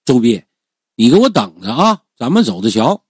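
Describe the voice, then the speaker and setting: A man voicing a menacing, arrogant rich middle-aged boss who sneers his threats in a husky, lowered voice. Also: very animated, normal speed, a little mellow, no room sound, studio quality. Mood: furious.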